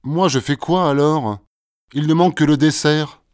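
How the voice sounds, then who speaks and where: A man's voice: on the high side, normal speed, darkish tone, smooth, dry recording, clean studio sound, lightly acted. A man playing a pastry cook who lists the day's menu in a matter-of-fact way, in a scripted textbook dialogue. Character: calm young adult male pastry cook.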